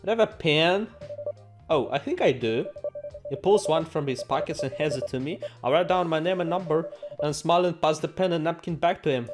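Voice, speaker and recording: Over game music, a man hosting a let's play reads out the on-screen text with theatrical flair, tossing in joking asides and exclamations to himself. His voice is a little high and his speed normal.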